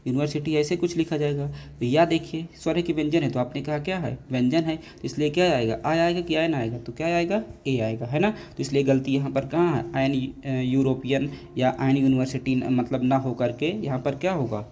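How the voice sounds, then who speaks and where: A man's voice: medium pitch, a little fast, hardly any pauses, a little mellow, a little hiss or hum. A male English teacher explains grammar corrections for board exams to students, keeps asking rhetorical questions and answering them himself. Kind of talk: board exam grammar lesson.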